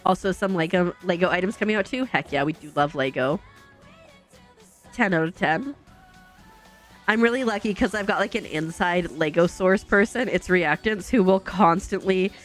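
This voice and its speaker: With faint music in the background, a young adult woman chats casually during a game stream in a lowish voice at normal speed. She's upbeat and giggly, talks to herself while building, and sounds a little congested.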